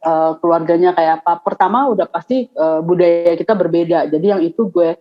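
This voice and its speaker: A woman's voice: lowish voice, brisk, dull audio. A woman from Java chatting casually on a podcast panel, with many fillers and restarts. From Java, Indonesia. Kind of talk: casual chat.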